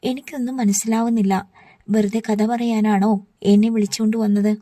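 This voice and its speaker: A quick-tempered younger sister who snaps back with indignant retorts, as a woman narrator reads her lines. The voice stays level and dark-toned. The sound is dry and close-up. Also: mid-range voice, level tone, no room sound, close to an everyday voice. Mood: bewildered.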